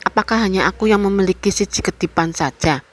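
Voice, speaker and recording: A woman's voice: mid-range voice, fast talker, lightly acted. A woman voicing a curious, uneasy young man who politely asks his uncle questions.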